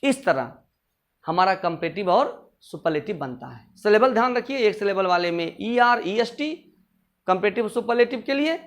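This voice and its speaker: A male teacher giving a classroom grammar lesson, repeating word forms slowly and drilling each point again and again. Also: high-pitched, very animated, a bit bright.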